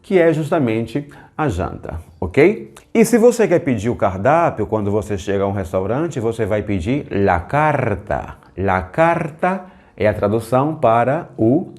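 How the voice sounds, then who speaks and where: A man teaching an online language lesson, speaking slowly and clearly and saying each word twice. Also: medium pitch, big pitch swings, darkish tone. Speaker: Spanish teacher.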